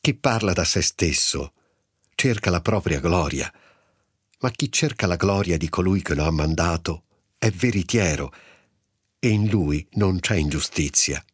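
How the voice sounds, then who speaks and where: A man reading the words of Jesus as a calm, authoritative teacher, in a measured, solemn way. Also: low-pitched, slightly rough, no room sound, clean studio sound, exaggerated voice.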